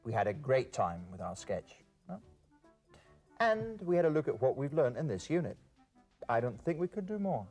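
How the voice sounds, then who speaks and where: A man presenting an English-teaching TV program, delivering scripted lines in a relaxed, friendly way. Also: mid-range voice, normal speed, faint music behind.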